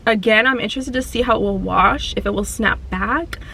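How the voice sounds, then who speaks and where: Her voice is a little high, brisk, sharp and slightly rough, with vocal fry. This young fitness vlogger chats casually and cheerfully with her viewers in a gym vlog, a little out of breath from working out, while faint music plays behind.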